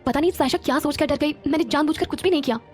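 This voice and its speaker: A woman's voice: sits high, very fast, faint music behind, voice pushed up, lightly acted. A woman narrator voicing an anxious young woman who insists she did nothing wrong, in a pleading, insistent manner.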